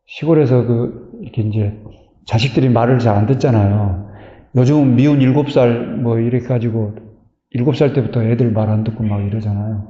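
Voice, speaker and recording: A man's voice: medium pitch, mellow. A man giving a Buddhist dharma talk in a temple hall, speaking conversationally and putting rhetorical questions to his listeners. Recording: dull, echoey hall recording.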